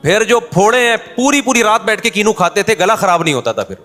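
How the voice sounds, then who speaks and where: A man's voice: sits high, big pitch swings, fast talker, bright, forceful tone, soft background music. A middle-aged man, a preacher telling homely anecdotes in a chatty, humorous way and addressing his listeners directly. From Pakistan. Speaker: Islamic preacher. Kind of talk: informal religious talk with anecdotes.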